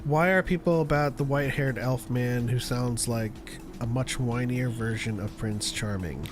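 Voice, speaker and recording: A man's voice: mid-range voice, normal speed, faint music behind. A man co-hosting a casual live call-in show, chatting loosely with frequent restarts and easy laughter. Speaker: podcast co-host. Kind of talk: casual live-stream chat.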